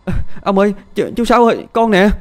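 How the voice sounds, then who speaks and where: A man voicing a frightened little girl who cries and stammers in a high, panicked voice. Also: very animated, fast talker. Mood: terrified.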